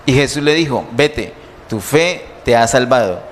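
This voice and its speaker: A male pastor preaching slowly and emphatically, asking the congregation rhetorical questions. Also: mid-range voice, expressive. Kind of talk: sermon. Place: church sanctuary. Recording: long church reverb, faint noise.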